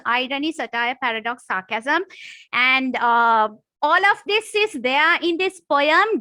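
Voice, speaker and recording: Bright high-voiced Sri woman teacher. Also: dry recording. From Sri Lanka. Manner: chatty, repeats key terms, laughs often. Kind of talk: online literature lesson.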